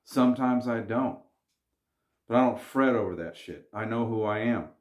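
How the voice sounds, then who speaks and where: Speaking straight to camera, a vlogger gives a casual advice monologue, laid-back, slangy and earnest as he warns viewers to keep their cool. His mid-range voice has a darkish tone and moderate pace, and the sound is reverberant.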